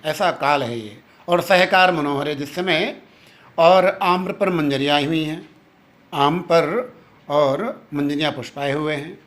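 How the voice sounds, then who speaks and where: A man's voice: fairly high pitch, fairly bright tone. Man lecturing, chanting Sanskrit verses. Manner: explains step by step, chants Sanskrit verses slowly; many fillers and restarts, pauses mid-sentence. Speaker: Sanskrit literature teacher. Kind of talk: classroom lecture.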